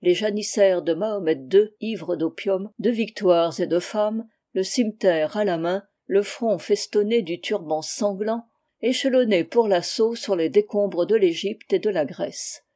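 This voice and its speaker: A woman narrates a classic memoir with measured, literary care. Her tone is mellow and dark rather than bright. Her pitch sits at an ordinary middle height. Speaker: audiobook reader. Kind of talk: scripted narration.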